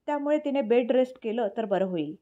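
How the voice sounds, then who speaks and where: A calm, matter-of-fact doctor who explains things plainly, read by a woman narrator. The voice is soft-toned and slightly high. It sits on a dull, lo-fi recording. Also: a little fast, close to an everyday voice.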